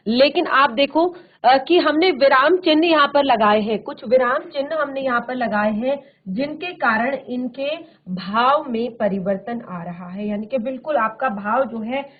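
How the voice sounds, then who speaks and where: A woman Hindi teacher leading a virtual classroom lesson, explaining slowly and deliberately with frequent pauses. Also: a little high. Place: studio. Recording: tinny, phone-like narrow sound.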